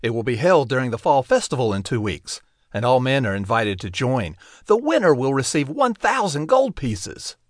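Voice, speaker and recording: A man voicing an eager, reckless young man, raising his voice high with excitement. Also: normal speed, no room sound, clean studio sound. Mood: excited.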